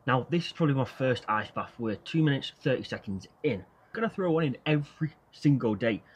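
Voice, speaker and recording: A man's voice: mid-range voice, lively intonation, a little fast, husky. A man in his twenties chatting casually to camera as a fitness vlogger, his breath affected by the cold of an ice bath. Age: 20s. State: cold, shivering breath while sitting in ice water. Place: outdoors by a brick wall, in an ice bath. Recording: outdoor ambient noise.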